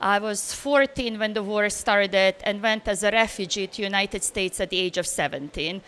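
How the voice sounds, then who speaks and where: A woman, telling travel stories in an interview, animated and laughing easily. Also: mid-range voice, normal speed, slight background noise. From Bosnia. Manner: animated storyteller, laughs easily, loose grammar. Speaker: guest traveller. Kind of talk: casual interview answers.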